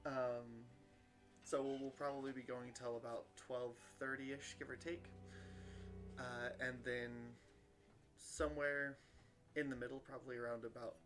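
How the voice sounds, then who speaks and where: A man's voice: medium pitch, flat delivery, measured pace, fairly bright tone, soft background music. Rambling man running a tabletop game. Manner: rambling, hesitant with fillers. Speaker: game master. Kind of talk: casual chat before a tabletop game stream.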